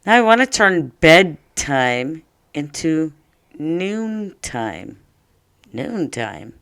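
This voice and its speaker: A man teaching an online first grade phonics lesson, sounding out words slowly and cheering children on. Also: a little high, fairly bright tone, smooth, dry recording.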